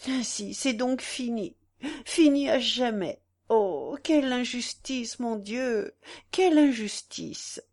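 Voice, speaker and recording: A woman's voice: mid-range voice, slow pace, darkish tone. A woman reading the part of a distraught noblewoman, breathless and pleading, close to tears.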